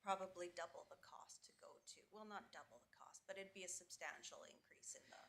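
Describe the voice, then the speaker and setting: A woman's voice: lowish voice, quick pace, a bit bright, a little hiss or hum. A woman on town staff gives short, matter-of-fact answers to council. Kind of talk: council meeting discussion. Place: council chamber.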